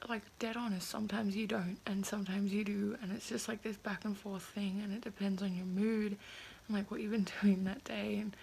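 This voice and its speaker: Creaky-voiced young woman with a sore jaw. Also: mid-range voice, darkish tone, slight background noise, poor audio. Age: 20s. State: recovering from jaw surgery, sore puffy mouth with slightly impeded speech. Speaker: vlogger. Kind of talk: casual reflective video diary.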